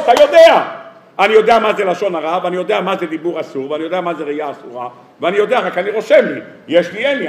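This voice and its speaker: A rabbi giving a weekly sermon to an audience, lively and humorous, firing off rhetorical questions and acting out everyday dialogues. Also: male voice, high-pitched. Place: lecture hall or synagogue. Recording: echoey hall sound.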